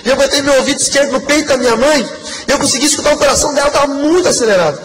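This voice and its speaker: High-voiced man preaching in a reverberant hall. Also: very fast, a bit bright, soft background music. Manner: earnest, emotional storytelling, addresses the congregation. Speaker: preacher giving testimony. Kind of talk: testimony sermon. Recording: long hall reverb, faint background noise.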